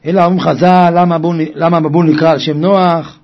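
A man preaching a Torah sermon with passion, swinging from quiet talk to loud cries. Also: on the high side, little pitch movement. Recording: dull lo-fi recording.

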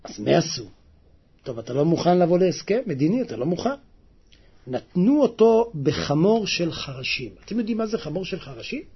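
A man preaching a sermon, telling a story dramatically and acting out the quoted lines with rising pitch and cries. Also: very animated, husky, highs cut off.

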